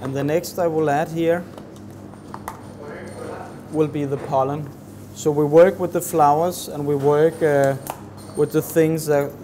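Slow, halting chef at a kitchen counter. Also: male voice, on the high side, background noise. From Denmark. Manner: slow, halting, many fillers. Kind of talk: cooking demonstration. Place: large professional kitchen.

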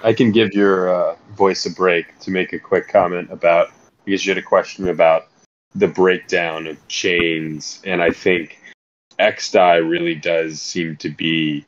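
Casting note: extremely low, monotone man, halting speech, muffled call sound. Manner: slow and hesitant, with fillers. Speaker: call participant. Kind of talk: casual community call.

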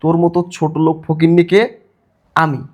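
A man's voice: on the high side, completely flat delivery, brisk, close to an everyday voice. A man playing a sneering, callous young lover. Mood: contemptuous. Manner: sneering, dismissive.

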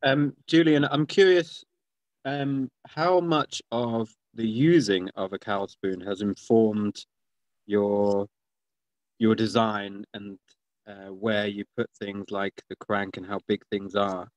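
A man's voice: lowish voice, fairly even intonation, slow pace, no room sound, low-quality recording. A man on a video call asking curious, probing questions about a craft.

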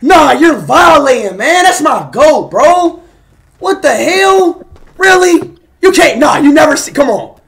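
A young man streaming from a small room on a headset, talking casually on a video call, excitable and swearing, often shouting and yelping. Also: very high-pitched, unhurried, creaky. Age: young adult. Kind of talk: loud casual chat on a live video call. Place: small room indoors at a desk. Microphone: headset mic.

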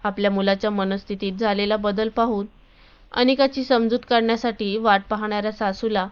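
A woman storyteller reading a story aloud in a steady, expressive way. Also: mid-range voice, moderate pace, clear, resonant tone. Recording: dull lo-fi recording.

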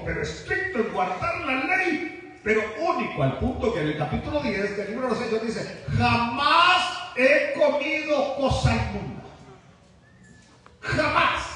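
A pastor, preaching a sermon and acting out stories with lively dialogue. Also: male voice. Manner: animated storytelling, acting out dialogue with big swings in pitch. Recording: echoey church hall, mic at a distance.

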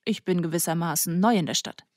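A woman's voice: fairly low pitch, fast, no echo, clean studio sound, lightly acted. A woman voicing a self-assured teenage boy who teases in an easygoing way, in an audiobook. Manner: easygoing, teasing. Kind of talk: audiobook character voice.

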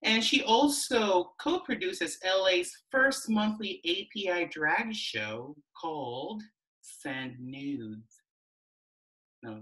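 A woman's voice: fairly low pitch, pushed and bright, distant mic, rough recording. A woman with a Filipino accent hosting a livestreamed pride stage show, chatty and playful with joking asides. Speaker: event host.

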